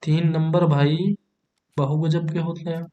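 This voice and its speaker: A young man hosts a gaming stream, telling his match as a joking story and trading crude banter with teammates. His voice sits a little high but has a soft, mellow tone, picked up on a headset mic while he plays. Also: level tone, unhurried, muffled recording. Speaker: gaming YouTuber. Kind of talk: comedic gameplay commentary.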